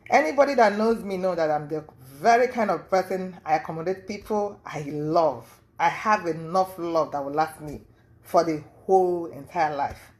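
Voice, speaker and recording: A woman telling her story in a casual interview, rambling with many fillers and acting out what others said in a high voice. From lives in the US. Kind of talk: casual storytelling recounting events.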